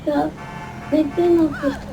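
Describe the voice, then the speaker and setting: A young woman chatting playfully as she comments on her own gameplay, often dropping to a soft murmur. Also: high voice, level tone, moderate pace, a little hiss or hum, poor audio. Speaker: gaming channel host.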